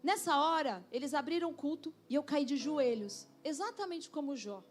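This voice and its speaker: A woman pastor preaching a sermon, slow and emphatic, with sudden drops to a quiet voice. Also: high voice, lively intonation.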